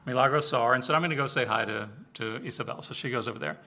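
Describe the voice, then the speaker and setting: Rapid-fire and medium-pitched, this male preacher overseeing church outreach delivers a sermon like a conversation. He tells his congregation personal stories in an animated way and acts out what everyone said.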